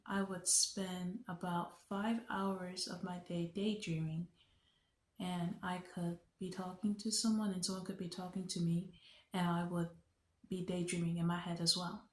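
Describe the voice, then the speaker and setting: On her vlog, a young woman with a lowish voice shares her personal faith testimony. She speaks earnestly, unhurriedly and reflectively, and the room sounds echoey.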